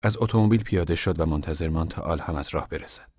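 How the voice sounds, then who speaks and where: Deep deep male narrator, slow and calm, sometimes almost whispering, dry close mic. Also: dry recording. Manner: calm, measured storytelling, at times hushed. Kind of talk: audiobook narration.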